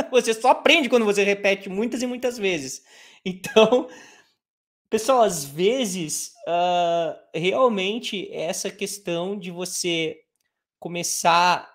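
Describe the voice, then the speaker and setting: A Brazilian woman teaches English live online. She speaks Portuguese natively and has an ordinary mid-range voice. She breaks sentences into pieces and repeats each one slowly. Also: medium pitch.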